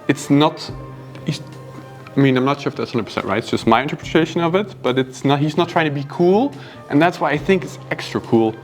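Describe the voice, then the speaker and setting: A musician recommending albums in a record store, talking in an enthusiastic, easygoing way. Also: male voice, fairly high pitch. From Belgium. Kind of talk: casual chat about favorite records.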